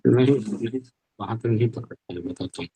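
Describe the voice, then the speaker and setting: A man's voice: mid-range voice, moderate pace, dark tone, slightly rough, no room sound. A male Sanskrit teacher giving an online language class, explaining step by step and asking rhetorical questions.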